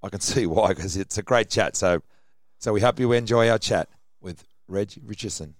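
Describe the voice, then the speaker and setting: A man's voice: on the low side, moderate pace, no echo. Australian man co-hosting, close dry sound. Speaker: sports radio co-host. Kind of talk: casual sports chat.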